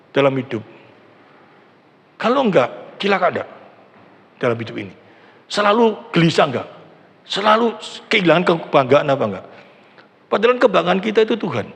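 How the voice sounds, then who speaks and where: A middle-aged man with an East Javanese Indonesian accent preaches in a loose, conversational way, acting out voices and throwing questions at the congregation. His voice sits high for a man and swings widely in pitch, with a gravelly edge. It rings with the long reverb of a large church hall. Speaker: pastor. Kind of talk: sermon.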